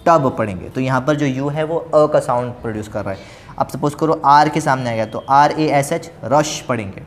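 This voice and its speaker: A man teaching a beginners' English reading lesson, spelling out letters and reading words slowly, asking questions and answering them himself. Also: on the high side, a little hiss or hum. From India. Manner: patient, repeats letters and words slowly, asks then answers own questions. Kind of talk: classroom lesson explaining English phonics.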